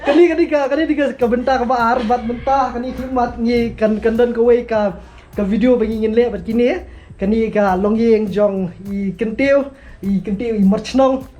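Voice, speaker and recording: A woman's voice: fairly high pitch, fairly even intonation, a little fast, dark tone, muffled recording. A young woman hosting a casual vlog, chatting and giggling as she switches into English. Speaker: vlogger hosting a song collaboration.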